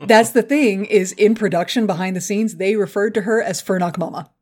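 A woman co-hosting a podcast, recapping a cartoon episode in an animated, joking, profane way. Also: mid-range voice, a little fast. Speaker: podcast co-host.

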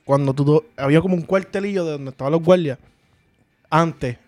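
A man's voice: fairly high pitch, fairly quick, a little mellow, dry recording. A young man co-hosting a podcast, telling stories animatedly with laughs and sound effects. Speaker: podcast co-host. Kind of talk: casual storytelling chat.

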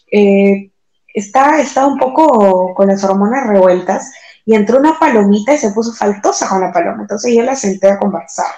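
A young woman with a Peruvian accent banters playfully as a podcast co-host, teasing her partner in a mid-range voice. Her voice carries a clear roomy echo. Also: medium pitch, mellow. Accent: Peruvian Spanish. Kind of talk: casual chat.

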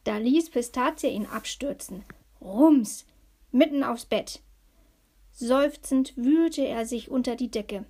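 Woman reading a kids' story, high voice, nice and slow. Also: darkish tone. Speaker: narrator.

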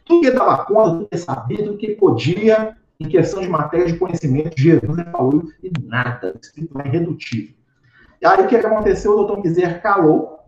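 A man with a slightly high voice explains spiritual ideas in an easy, conversational way, tossing in tag questions all through. He sounds far from the mic in a roomy space, and the audio is a bit dull. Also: a little mellow. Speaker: spiritist study leader. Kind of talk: teaching talk.

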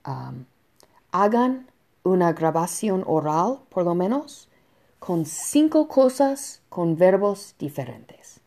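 A woman teaching a Spanish lesson to students, explaining slowly and patiently with soft fillers between points. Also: on the low side, sing-song. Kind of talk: recorded online lesson.

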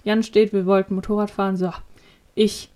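A young woman co-hosting a casual podcast chat, telling stories in lively colloquial talk and acting out the people she quotes. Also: mid-range voice, normal speed. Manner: animated storytelling, acting out quoted voices; colloquial, frequent "ne?" tags. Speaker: podcast co-host.

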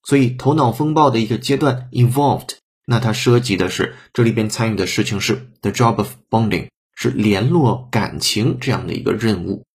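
A man's voice: lowish voice, normal speed, a little mellow, slightly rough. A man teaching an English lesson, breaking sentences down step by step and sometimes spelling words out letter by letter. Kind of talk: explanatory language lesson.

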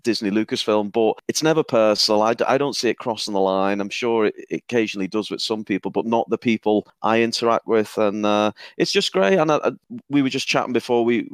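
A man with a Northern English accent hosts a casual podcast chat. His voice is smooth and clear, recorded dry and close. He talks loosely and often trips over and repeats his words. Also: fairly low pitch, fast, no room sound. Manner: chatty, stumbles and repeats words. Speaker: podcast host.

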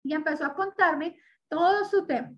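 A woman's voice: very high voice, normal speed, highs cut off. A woman sharing a personal religious testimony as an interview guest, telling a story and acting out what people said. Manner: storytelling with re-enacted quotes.

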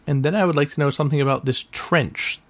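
A man playing a tabletop game, bantering casually with deadpan humor. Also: on the high side, fast.

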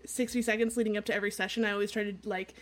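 A woman's voice: medium pitch, flat delivery, racing. A woman chatting casually about her tabletop role-playing habits, talkative and prone to tangents and laughter. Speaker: tabletop game player. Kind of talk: casual chat.

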